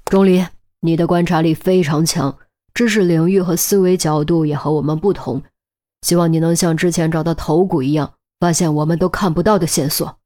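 A male police team leader in a crime audiobook, urgent and in command, giving brisk orders in a fairly low voice, as read by a woman narrator. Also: steady tone, a little mellow, lightly acted.

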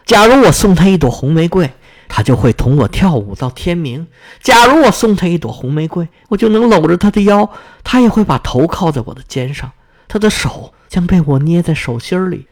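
A man's voice: on the high side, very animated, a little fast. A man voicing a lovesick young student in a fairy-tale reading, pleading and heartbroken.

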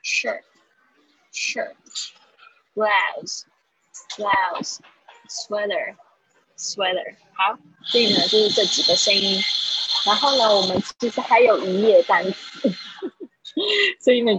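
A woman's voice: medium pitch, fairly bright tone, slight background noise, low-quality recording. A woman teaching an online English vocabulary class, reading each word twice and explaining the sounds patiently.

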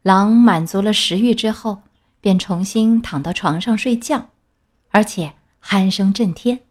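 A woman with a mid-range voice reads a children's fairy tale aloud at a measured pace, in a gentle and expressive storytelling style.

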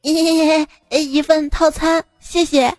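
A woman's voice: little pitch movement, very slow, darkish tone, no echo, clean studio sound, soft background music. A woman putting on a flustered, impatient sheep. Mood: polite. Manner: high, flustered, stammering.

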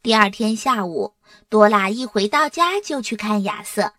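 A woman narrating a children's picture book in an expressive, clear storytelling manner. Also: mid-range voice, moderate pace, no echo. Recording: distant mic, dry sound.

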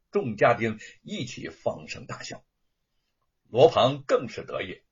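A man's voice: medium pitch, sing-song, slow, slightly rough, muffled recording, full character voice. A man voicing a gloating, spoiled young lordling who sneers and cackles at his rival in a storybook tale.

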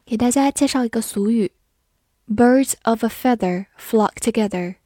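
A woman who is a Chinese-speaking English teacher, patiently spelling words letter by letter and reading example sentences slowly. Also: on the high side, dark tone, dry recording, clean studio sound. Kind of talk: vocabulary lesson, spelling and slow read-alongs.

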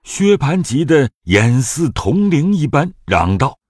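A man narrating a classic story in an audio drama with a lively storytelling manner. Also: a little high, slow, dry recording, clean studio sound.

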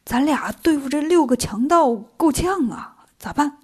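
A woman's voice: high-pitched, animated, measured pace. Storybook monk, male, fussy and long-winded scold, voiced by a woman storyteller. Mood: mild. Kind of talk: storytelling for children.

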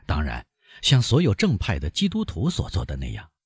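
A man voicing a bandit guard who answers softly and with mocking politeness. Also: wildly swooping pitch, normal speed, slightly rough, no room sound, clean studio sound, heavily acted. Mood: mock-polite. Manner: soft, low and mockingly polite. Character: calm, courteous male bandit guard.

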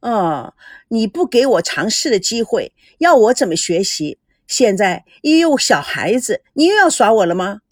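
A woman voicing an excitable young woman chatting with her older brother. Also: medium pitch, moderate pace, slightly rough, no room sound, clean studio sound. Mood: pleading. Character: lively excitable young woman, little sister.

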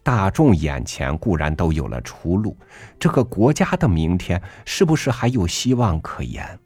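Deep husky man reading an essay. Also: sing-song, dry recording. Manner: measured, earnest recital with emphatic rhetorical rises. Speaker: podcast reader. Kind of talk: reading a literary essay aloud. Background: soft background music.

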